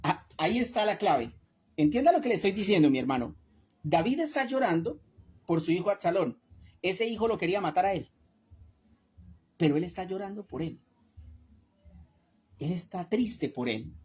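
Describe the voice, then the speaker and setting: A woman leads a Bible study as a sermon, earnest and direct, calling her listeners brothers and asking them questions. Her voice sits low, with a husky, breathy edge. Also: animated, moderate pace, pauses often, darkish tone. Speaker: Bible teacher.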